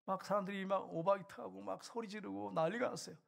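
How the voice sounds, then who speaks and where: A middle-aged male pastor preaching a sermon, asking the congregation questions and swinging between loud and hushed. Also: high-pitched, fast talker, gravelly. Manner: preaching with rhetorical questions and acted quotes, voice rising and dropping.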